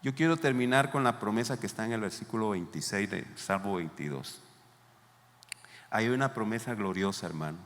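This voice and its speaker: A man's voice: on the low side, expressive, fairly quick, fairly bright tone. A man preaching a Sunday sermon as pastor, speaking fervently and directly to his congregation. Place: church. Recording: echoey church hall with music behind.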